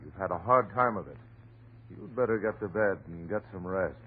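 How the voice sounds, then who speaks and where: A man playing a steady, authoritative doctor with a firm, soothing manner in a 1940s radio horror play. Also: sits low, moderate pace, close to an everyday voice. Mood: firm, reassuring. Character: steady, authoritative male doctor calming a distraught friend. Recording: muffled, faintly noisy old radio recording.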